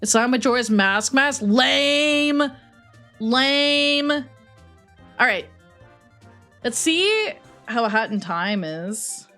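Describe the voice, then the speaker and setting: A woman's voice: a little high, sing-song, takes it slowly, long pauses, bright, forceful tone, faint music behind. A woman livestreaming games, chatting casually with chat in a playful gamer-girl way full of slang. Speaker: streamer and host.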